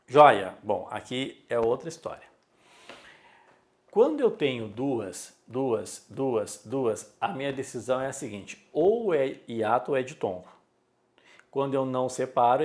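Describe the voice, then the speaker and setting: A man, teaching a recorded exam-prep lesson and repeating key words for emphasis. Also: medium pitch.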